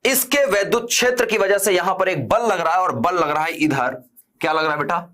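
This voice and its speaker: Higher-pitched male physics teacher. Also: a little fast, pushed and bright. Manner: asks students questions and answers them himself, repeats key terms; stern when telling students to stop chatting. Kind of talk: online class lecture.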